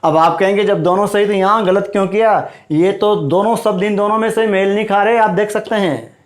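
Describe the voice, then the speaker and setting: A man's voice: high voice, fairly even intonation, a little fast. A man teaching a grammar lesson, stressing each term, repeating it and quizzing the viewer.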